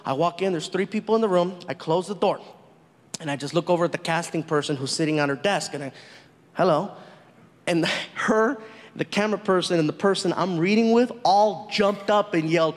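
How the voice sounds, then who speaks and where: A male comedian telling a stand-up story on stage in a large venue, animated and quick to laugh. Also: sits high. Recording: long reverb of a big hall.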